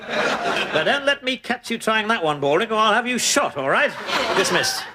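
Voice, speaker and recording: An actor playing a weary, sardonic army captain with dry, sarcastic delivery, in a played-back TV comedy clip. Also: male voice, sits high, very animated, normal speed. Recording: TV clip played back with heavy background noise.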